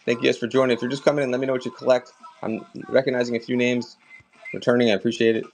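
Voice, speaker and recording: A man's voice: medium pitch, level tone, racing. Upbeat male live-stream seller, chatty with viewers, light music underneath. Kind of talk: casual live-stream selling chat.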